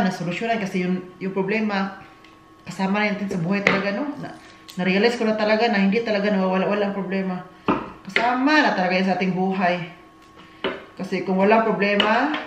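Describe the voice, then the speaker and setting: A woman from the Philippines, rambling chattily as she cooks and talks to her viewers. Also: mid-range voice. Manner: rambling, chatty, laughs often. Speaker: vlogger. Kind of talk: casual cooking chat. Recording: echoey room with loud background noise.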